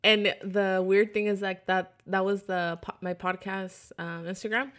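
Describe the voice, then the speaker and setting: A woman's voice: mid-range voice, steady tone, unhurried, fairly bright tone. Chatty, rambling woman podcast host. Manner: rambling, chatty, swears freely. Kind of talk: casual podcast chat.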